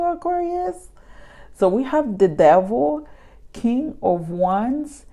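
A woman's voice: mid-range voice, mellow. A woman giving a casual tarot reading, talking chattily and repetitively straight to her viewers. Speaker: tarot reader.

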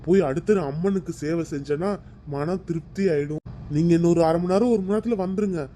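Cartoon family head, scolding and anxious, fast and dark, voiced by a man. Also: a little high, a little hiss or hum, lightly acted. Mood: calm. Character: anxious proud middle-aged family head.

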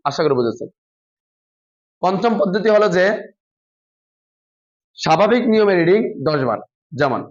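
A man with a high, bright voice gives a lesson to fellow teachers, stretching out every spelled syllable. His side remarks fall lower and quieter. The sound is dull and lo-fi, like a simple home recording. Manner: slow drawn-out spelling demonstrations with quieter low asides. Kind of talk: spoken classroom lesson demonstration.

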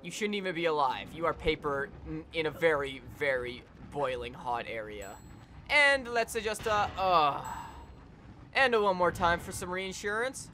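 A young man giving casual, profane gameplay commentary, getting excitable and swearing often as he plays. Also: fairly high pitch, measured pace, a little hiss or hum. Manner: excitable, swears a lot, yells at the game. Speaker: let's play gamer.

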